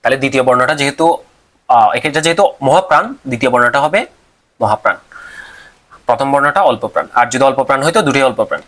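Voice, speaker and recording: Guy teaching a class, asks then answers himself, sounds out syllables slow, mid pitch. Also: a bit bright. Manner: asks students questions and answers them himself; repeats and sounds out syllables slowly. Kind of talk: classroom lecture on pronunciation rules.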